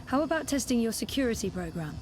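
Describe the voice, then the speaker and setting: A woman's voice: fairly high pitch, very animated, fast talker, a crowd in the background. A woman playing a wary, weary young robot tester in a video game, with a dry, casual manner. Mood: alarmed. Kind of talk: video game character acting.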